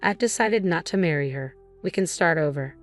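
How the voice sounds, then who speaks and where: A man's voice: fairly high pitch, animated, normal speed, faint music behind, close to an everyday voice. Woman voicing a frantic, raised-voice husband in his fifties. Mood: pleading. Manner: shouting, frantic, pleading. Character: angry desperate middle-aged husband, whining.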